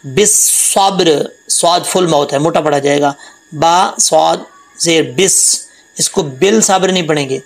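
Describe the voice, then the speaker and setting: Guy teaching quran recitation, high-ish gravelly voice, slow and patient. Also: poor audio. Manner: patient, explains each letter slowly and repeats sounds. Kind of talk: Quran tajweed lesson with recitation.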